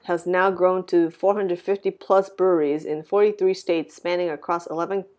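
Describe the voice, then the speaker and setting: A woman's voice: fairly low pitch, fairly even intonation, normal speed, darkish tone. A woman co-hosting a podcast in casual chat, rambling with many fillers and laughing easily. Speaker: podcast co-host.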